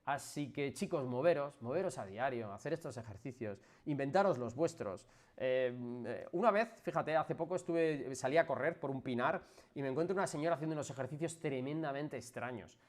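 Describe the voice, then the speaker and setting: Energetic Spanish physiotherapist on a live stream. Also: male voice, mid-range voice, brisk. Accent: Spanish from Spain. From Spain. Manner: energetic and emphatic, swings from loud bursts to soft asides. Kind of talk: casual live-stream chat with viewers.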